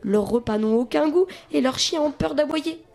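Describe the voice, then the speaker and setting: A woman reading a children's book aloud in a lively, expressive way, with whispered asides. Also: high voice, normal speed, creaky. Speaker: storyteller.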